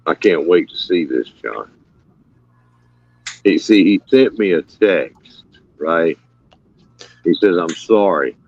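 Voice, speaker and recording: A man banters casually in a group chat. His voice is low, and the audio is a little dull. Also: lively intonation, takes it slowly, long pauses. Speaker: livestream panelist. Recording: dull, slightly muffled audio.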